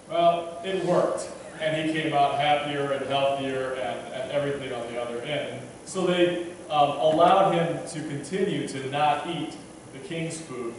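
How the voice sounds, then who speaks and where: A man in his thirties delivers a casual sermon from a church pulpit, his voice a little high, with some background noise. He is chatty and self-deprecating, full of fillers and restarts, and stumbles over his words now and then. A pulpit microphone picks him up, but the footage comes from a distant camera, so the church sounds echoey and far off.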